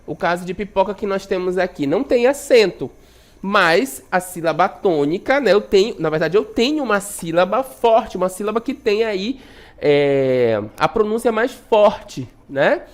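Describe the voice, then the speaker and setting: Brazilian lady teacher, really animated pitch, keeps going né? tá bom?. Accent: Brazilian Portuguese. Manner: explanatory, constantly checks in with "né?" and "tá bom?"; stretches out syllables slowly to demonstrate stress. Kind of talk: recorded classroom lesson.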